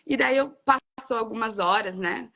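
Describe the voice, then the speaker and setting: Gravelly-voiced woman telling her story. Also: a little high, moderate pace, sharp tone. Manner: earnest, emotional retelling with many quoted exchanges. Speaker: guest sharing her birth story. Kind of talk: casual conversational storytelling.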